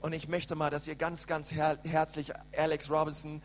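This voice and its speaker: A man's voice: fairly high pitch, normal speed. Man interpreting a sermon in a hall. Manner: animated, with many fillers and restarts. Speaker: church interpreter and host. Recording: echoey church hall with hum.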